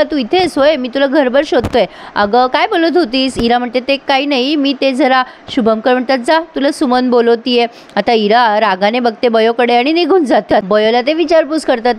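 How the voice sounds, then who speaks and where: A woman who has a heavy cold, retelling a TV serial episode in a chatty way, quoting each character's lines and talking straight to her viewers. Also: a little high. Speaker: TV serial recap narrator.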